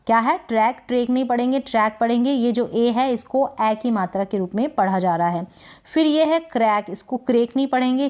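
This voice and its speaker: A woman teaching English spelling and reading, drilling each word slowly and asking and answering her own questions. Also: on the high side, darkish tone. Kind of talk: spelling and pronunciation lesson.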